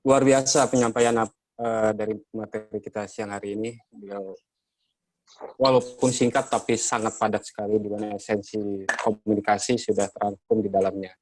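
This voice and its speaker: An Indonesian man moderating a journalism training session, speaking in a measured way with many hesitations. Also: lowish voice, level tone, darkish tone, no echo, low-quality recording. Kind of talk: workshop moderation, lecturing.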